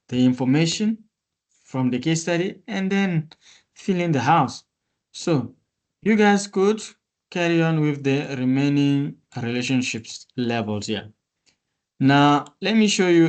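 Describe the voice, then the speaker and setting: A male instructor on a video call, walking through a screen-share tutorial step by step in a methodical way. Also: a little high. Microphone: computer mic on a meeting call.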